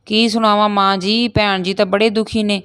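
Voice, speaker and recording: A woman's voice: medium pitch, level tone, normal speed, a bit bright, clear, resonant tone, voice pushed up, lightly acted. A woman reading the part of an earnest, respectful young village son, in a raised voice.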